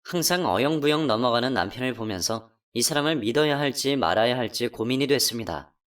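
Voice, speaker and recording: A female voice actor narrates as a wronged wife in a radio drama, speaking a little fast and animated. She sounds wounded and enraged, her pitch rising whenever she gets upset and ranging widely between accusation and pleading. She's recorded from a bit of a distance.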